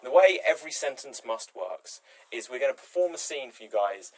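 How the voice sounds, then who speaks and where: Brief: male improv host, mid-pitched, casual and comedic, explaining games to players. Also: expressive, brisk, poor audio. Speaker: improv game show host.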